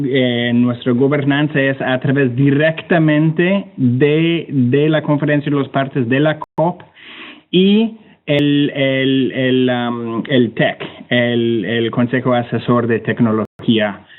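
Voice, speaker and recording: Speaking in a mid-range voice over a tinny, phone-like online link, a Canadian man halts and hesitates, echoing his own words as he looks for what to say. He's a panelist from a climate technology organisation giving an informal presentation with slides during a webinar.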